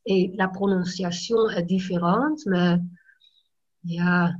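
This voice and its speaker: A Dutch-native woman, a language teacher, talks slowly and hesitantly in a casual chat, stopping to look for words and dropping in English yeahs. The recording sounds dull and lo-fi. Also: on the low side, steady tone, husky.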